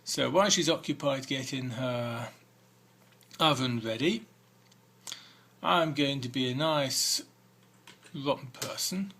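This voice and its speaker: A man's voice: medium pitch, slow pace, creaky, long pauses, bright, forceful tone. A man hosting a game walk-through, reading the game's text aloud between hesitant comments full of fillers. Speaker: let's-play host.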